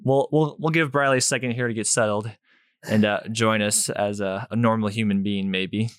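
A man's voice: lowish voice, fairly even intonation, moderate pace, clear, resonant tone, no room sound, studio quality. A man hosting a casual sports podcast, often laughing as he talks. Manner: laughs often, amused, loose delivery. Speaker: podcast host.

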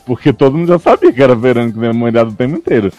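A man's voice: medium pitch, very fast, no room sound, soft background music. Sarcastic Brazilian man retelling a film. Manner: animated, sarcastic, swearing. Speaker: podcast co-host. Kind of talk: casual chat, retelling a film plot.

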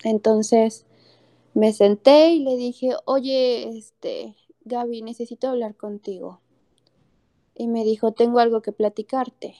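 Young Mexican woman, higher mellow voice, heartfelt personal storyteller. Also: steady tone, slow pace. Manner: earnest, heartfelt, with many fillers and restarts. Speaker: speaker telling a personal story.

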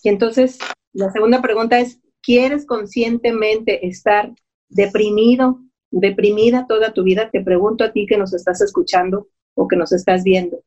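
A woman's voice: mid-range voice, fairly even intonation, normal speed, darkish tone. A woman coach giving an earnest, encouraging talk that speaks straight to the listener. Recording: dull lo-fi audio.

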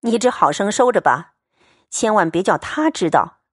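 A man's voice: high voice, expressive, normal speed, dry recording, studio quality. A woman doing a wheedling young nobleman. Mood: pleading, complaining.

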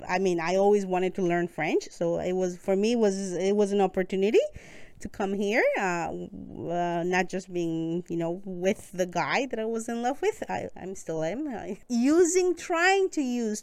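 A woman with a Costa Rican Spanish accent, chatting warmly as a podcast guest and laughing often. Her voice is smooth and clear and sits in a middle range. The sound is close and dry. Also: mid-range voice, dry recording. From Costa Rica. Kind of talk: casual conversation.

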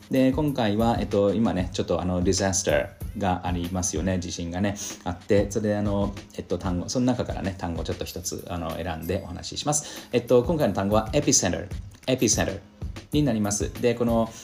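A man's voice: on the low side, a little mellow. A middle-aged man giving a casual spoken vocabulary lesson, rambling with many fillers and hesitations. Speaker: English test-prep teacher.

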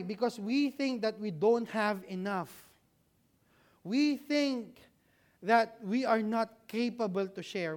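A preacher delivering a sermon at an unhurried, deliberate pace. The voice sits at an ordinary middle pitch. They pose rhetorical questions, answer them, and keep checking in with the listeners with a quick "right?". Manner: conversational, humorous asides to the congregation.

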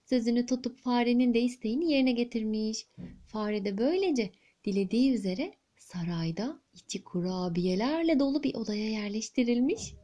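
A woman storyteller narrating a fairy tale in an expressive, lilting read-aloud manner. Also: a little high.

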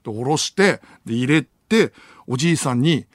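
A man's voice: medium pitch, animated, moderate pace, no echo, clean studio sound. A man hosting a late-night radio show, telling a long story with sound effects and bursts of laughter. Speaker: radio host. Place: radio studio. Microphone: studio microphone.

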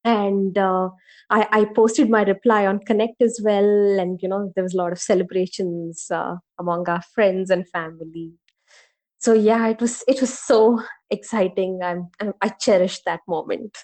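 A woman co-hosting a casual podcast who tells her stories with lively energy and acts out the voices of the people she quotes. Her voice sits at a middle pitch for a woman. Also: moderate pace. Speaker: podcast co-host.

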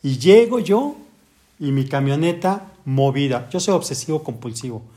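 A middle-aged man with a Mexican accent, a stepfather co-hosting a casual family podcast, calm and with dry humor. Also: a little high, moderate pace. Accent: Mexican Spanish.

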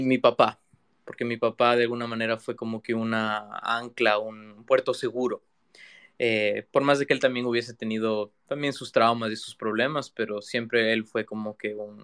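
Reflective man, smooth voice. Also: mid-range voice, a bit bright. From Ecuador. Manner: reflective, with many restarts and fillers. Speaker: guest artist. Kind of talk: casual interview answer.

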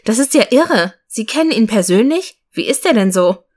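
A woman's voice: fairly high pitch, lively intonation, moderate pace, a little mellow. A woman voicing a chatty taxi driver. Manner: chatty, curious. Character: friendly female taxi driver, curious, chatty.

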